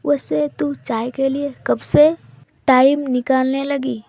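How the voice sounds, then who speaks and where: A woman voicing a loud, joking young man who teases his friends in playful banter. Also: high voice, little pitch movement, takes it slowly, vocal fry, no room sound, full character voice. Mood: teasing.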